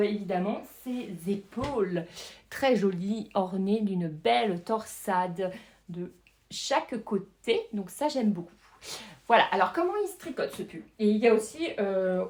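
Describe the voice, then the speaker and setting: A woman's voice: medium pitch, a little mellow, roomy sound. A woman chatting casually through a knitting pattern review, hesitant, with many fillers and small laughs. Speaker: knitting vlogger.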